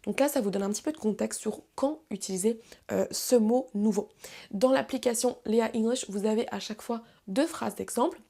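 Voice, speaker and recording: Woman, online English teacher, slightly high voice, gravelly, patient explanations. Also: dark tone. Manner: explanatory, repeats English phrases slowly. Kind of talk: online language lesson.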